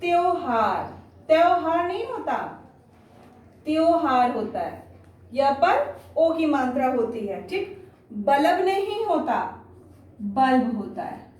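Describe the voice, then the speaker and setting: High-voiced woman teaching in an echoey room. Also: sing-song, darkish tone. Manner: slow, patient, repeats each word and keeps saying "theek hai". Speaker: primary school Hindi teacher. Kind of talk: online class lesson. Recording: echoey room, distant mic, faint noise.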